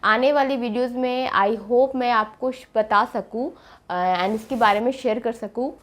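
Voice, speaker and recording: A young woman, a medical student, explaining her daily routine in a steady vlog with frequent pauses to think. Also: a little high.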